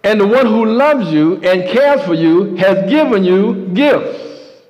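A man's voice: high voice, animated, slow, a little mellow. A man preaching a sermon to his congregation, emphatic, with call-and-response. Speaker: pastor. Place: church sanctuary. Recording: muffled sound with a long hall reverb.

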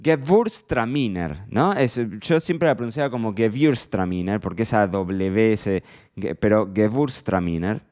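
A man with an Argentine Spanish accent hosts a casual solo podcast, chatty and playful, poking fun at his own mistakes with mock pronunciations. His voice is on the low side, expressive and darkish, at normal speed.

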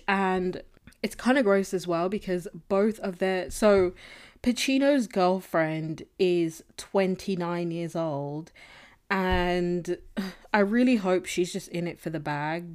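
Low-voiced woman rambling candidly on a podcast. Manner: rambling, candid, swears casually. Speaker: podcast host. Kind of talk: casual opinionated solo podcast chat. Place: indoors, a room other than the usual setup. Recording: slightly echoey, recorded in makeshift room.

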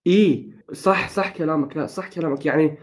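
A man's voice: a little high, fairly quick. A young man in casual gaming chat, upbeat and enthusiastic, slipping English phrases into his talk. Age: young adult.

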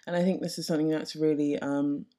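A young woman co-hosting a casual chat podcast, husky with her morning voice, relaxed and thoughtful. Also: low-pitched, fast. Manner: relaxed, thoughtful, uses many fillers. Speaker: podcast co-host.

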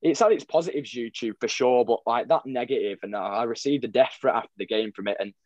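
A man's voice: mid-range voice, fast talker, no echo, lo-fi sound. A young man, a football vlogger telling stories in a rambling casual chat, full of restarts and fillers. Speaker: football fan vlogger, guest.

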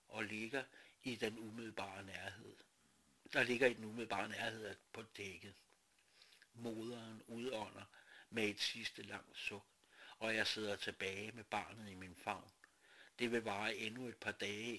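Guy reading his own dramatic story, lowish voice but bright, goes whispery then loud. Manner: slow, dramatic reading with sudden whispers and outbursts. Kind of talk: first-person story narration.

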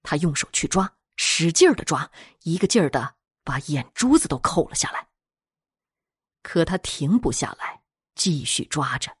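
Husky low-voiced woman telling horror stories. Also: moderate pace, no echo, clean studio sound. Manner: dramatic, expressive storytelling with swells of intensity. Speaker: storyteller. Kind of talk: scripted horror story narration.

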